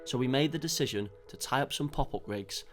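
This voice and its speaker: A man calmly narrating a fishing trip in a measured, scripted voice-over. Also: medium pitch. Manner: calm, measured storytelling. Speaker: fishing vlogger. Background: background music.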